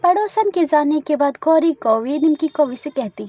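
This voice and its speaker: Very high-pitched cartoon narrator. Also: expressive, normal speed, warm tone, no room sound, highs cut off.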